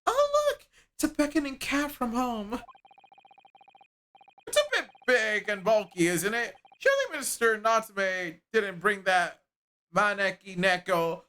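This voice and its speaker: A streamer voicing a gentle, polite young woman assistant while reading game dialogue aloud. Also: medium pitch, sing-song, a little slow, voice pushed up. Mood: cheerful.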